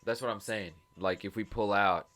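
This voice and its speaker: A man's voice: fairly low pitch, moderate pace, a bit bright. A young man co-hosting a podcast in casual chat, rambling and circling back with many fillers, a bit tipsy. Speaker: podcast co-host.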